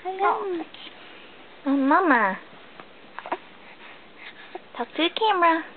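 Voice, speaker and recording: Woman, mother cooing at her baby, very lively rising-falling pitch, recorded on a tinny phone. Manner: sing-song, doting, slow and coaxing. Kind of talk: baby talk. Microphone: phone camera. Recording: tinny phone-like sound with faint noise.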